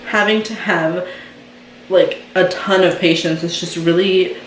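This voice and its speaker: This is a young mom vlogger chatting away, filling her sentences with "um" and "like." She speaks somewhat slowly in a steady, lowish voice. Light background noise and a roomy, distant sound mark the recording.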